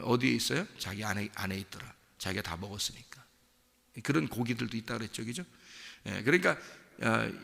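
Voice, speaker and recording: A pastor giving an emotional dawn sermon, swinging from quiet murmurs to loud cries. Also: male voice, mid-range voice, vocal fry, husky, big-room sound.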